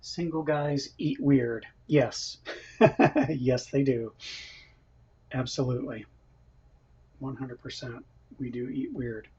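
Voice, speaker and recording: Slow and pausing often, a man with a mellow, mid-range voice and a breathy edge hosts a casual cooking stream from his home kitchen. He's chatty, laughs frequently, and reads out comments as he eats, while the built-in camera mic yields dull, lo-fi sound.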